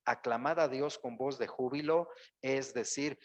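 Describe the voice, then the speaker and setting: The high frequencies are cut off in this recording of a male pastor in a church sanctuary. His medium-pitched voice moves at a measured pace as he calls out to the congregation, acting out quotations and letting his exclamations rise.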